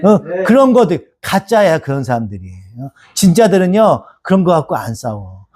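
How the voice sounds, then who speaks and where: A man preaching a Sunday sermon as pastor, animated and asking the congregation for agreement again and again. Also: high voice, normal speed. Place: church sanctuary.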